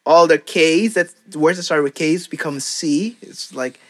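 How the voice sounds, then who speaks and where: A young man from Curaçao chats casually, rambling and restarting often with plenty of fillers. His voice sits a little higher than most men's. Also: measured pace, a bit bright. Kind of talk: casual chat.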